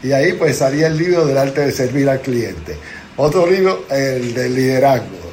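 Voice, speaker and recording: There's slight background noise as a man in his seventies, a Puerto Rican motivational speaker with a matching accent, recounts his life in a conversational interview. His medium-pitched voice is expressive and a little mellow, at an ordinary pace.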